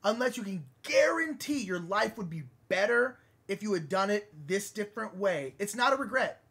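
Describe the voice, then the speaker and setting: A man in his late twenties talks earnestly with his co-host on a live stream and gives his views with conviction. His voice is quite high for a man. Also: lively intonation, normal speed, a bit bright, breathy edge. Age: 20s. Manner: earnest, opinionated, reads chat aloud. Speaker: co-host of a board game stream. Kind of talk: casual live-stream chat.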